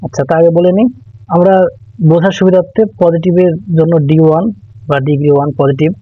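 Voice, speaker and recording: A man with a slightly high voice teaches grammar at a steady, patient pace, repeating each rule and pausing now and then to think. The sound is thin and phone-like, recorded close in a dry room with no echo. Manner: patient, repeats key rules, thinks aloud. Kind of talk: explanatory online lesson.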